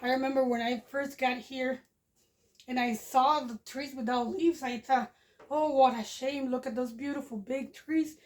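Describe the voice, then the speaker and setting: Washing dishes in her kitchen beside a wood stove, a homestead vlogger from Mexico in her forties rambles casually in Spanish-accented speech, often chuckling and restarting sentences. Her high-pitched voice is steady, a little mellow, and at normal speed, captured by a phone camera propped close by.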